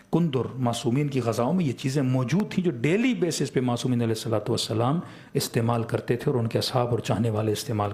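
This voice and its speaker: Male cleric, Pakistani Urdu accent, sermon delivery, mid-pitched, question-and-answer teaching style. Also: a little mellow. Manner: asks rhetorical questions and answers them himself. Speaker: Shia cleric. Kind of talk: religious lecture.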